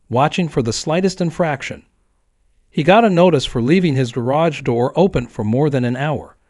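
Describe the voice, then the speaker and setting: A man reading a scripted neighborhood story in a steady, even storytelling manner. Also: on the high side, dry recording, studio quality. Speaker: narrator.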